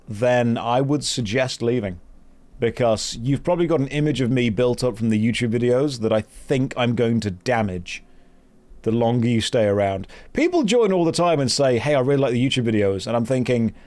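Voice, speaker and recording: Playing a game for his live-stream viewers, a man speaks expressively at a moderate pace in a medium-pitched, darkish voice. He chats casually, mocks himself in jest, and reads aloud both chat messages and quest text.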